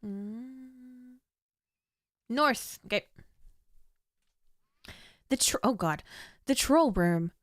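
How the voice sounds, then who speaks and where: During casual game commentary, a young woman with a slightly hoarse, animated voice reads a text adventure's room descriptions aloud in a measured storytelling style, with chatty remarks in between. Her voice sits mid-range for a woman, recorded on a close, dry mic without room sound or echo.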